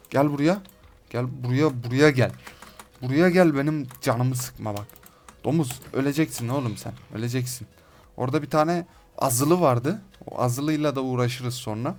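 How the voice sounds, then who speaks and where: Young man, gaming commentary, excitable, shouty, repetitive, mid-pitched voice. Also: moderate pace. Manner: excitable, shouts insults and threats at game mobs; repeats phrases over and over while playing. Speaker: gaming YouTuber. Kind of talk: Minecraft let's play commentary.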